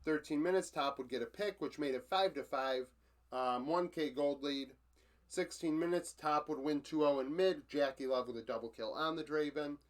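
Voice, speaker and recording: A man's voice: on the high side, normal speed. A man giving a casual recap of esports matches from his notes, matter-of-fact, with frequent fillers and self-corrections.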